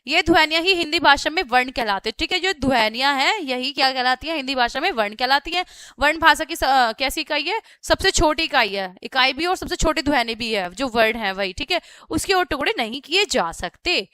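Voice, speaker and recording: A woman's voice: sits high, lively intonation, fairly quick, pushed and bright, no room sound, studio quality. A woman teaching a grammar lesson to children, explaining step by step, asking questions and then answering them herself, often checking in with "okay". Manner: repeats "ठीक है" often as a check-in; sounds out words letter by letter. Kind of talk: classroom-style grammar lesson.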